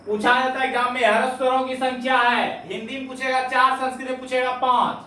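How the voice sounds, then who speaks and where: A man's voice: very high-pitched, level tone, fast, sharp tone, slight background noise. A male Hindi grammar teacher giving a classroom lesson, asking questions and answering them himself and repeating key points. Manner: frequent filler "jo hai". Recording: echoey room, voice from a distance.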